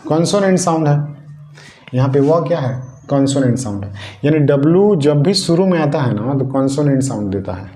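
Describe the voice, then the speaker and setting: A man's voice: on the high side, lively intonation, normal speed, mellow. A man teaching a grammar lesson, explaining step by step, repeating key points and putting questions to his students. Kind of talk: Hindi classroom-style grammar lesson. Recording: echoey room with faint noise.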